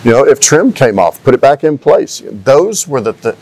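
A man's voice: mid-range voice, big pitch swings, moderate pace, a little mellow, low-quality recording. A man with a Southern US accent, an RV travel vlogger, speaking earnestly and plainly in casual chat to camera.

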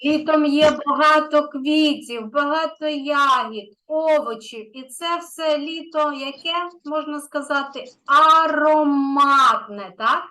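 A woman's voice: high-pitched, steady tone, measured pace, few pauses, a bit bright, rough recording. A woman kindergarten teacher giving an online lesson to a young child, patient and encouraging, stretching out key words.

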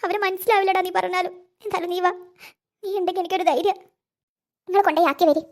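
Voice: very high voice, steady tone, quick pace. A performer voicing a grieving old cartoon grandmother. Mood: pleading. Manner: sorrowful, tearful lament. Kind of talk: cartoon voice acting.

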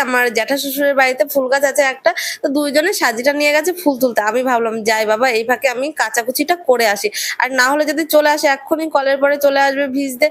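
Young female village vlogger, Bengali accent, brisk chatty voice-over, dry close sound, sounds a bit run down. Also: high-pitched, dry recording. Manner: warm, rambling, addresses viewers directly. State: unwell and tired. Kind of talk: chatty voice-over narrating chores.

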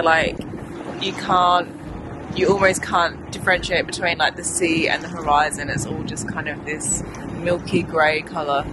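A woman chatting casually on a sailboat, talking in an easy, admiring way. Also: lowish voice. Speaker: sailing vlogger, crew. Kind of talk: casual chat on deck. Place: outdoors on a sailboat. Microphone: camera mic. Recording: loud wind and boat noise.

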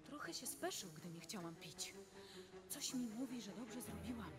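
An actress voicing a wary young woman in a video game, speaking in a hushed, low voice as she searches a stranger's apartment. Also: lively intonation, normal speed, loud music behind the voice, natural voice.

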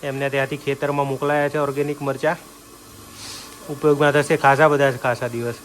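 A man's voice: medium pitch, flat delivery, a little fast, a little hiss or hum. A man vlogging casually from his family home, chatty and teasing, talking to his viewers while feeling a bit feverish. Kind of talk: casual family vlog narration.

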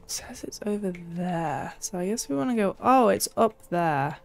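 This young woman game streamer has a creaky, mid-range voice with lively intonation and a moderate pace. Recording from a small home room with slight background noise, she swears and reacts aloud in casual, exasperated gameplay commentary.

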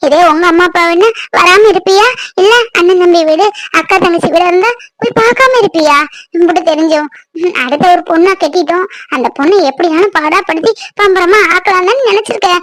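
A woman's voice: extremely high pitch, a bit bright, dry recording. A woman voicing a tearful, stubborn young married woman in a cartoon who sobs and argues. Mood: accusing. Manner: sobbing, pleading, accusing.

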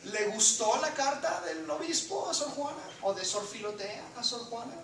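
Woman, teacher, bright voice, fairly high, questioning students, echoey room, recorded from afar. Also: expressive, moderate pace, creaky, a little hiss or hum. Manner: questioning, switches into English, reads aloud. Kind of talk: classroom lecture. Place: classroom. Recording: echoey classroom from far off.

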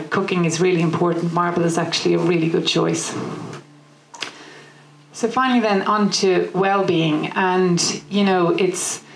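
A woman in her thirties with an Irish accent, giving a practical design talk into a handheld microphone in a kitchen showroom, with many "you know" fillers. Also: fairly low pitch. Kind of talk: presentation to a live audience. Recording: roomy showroom with faint noise.

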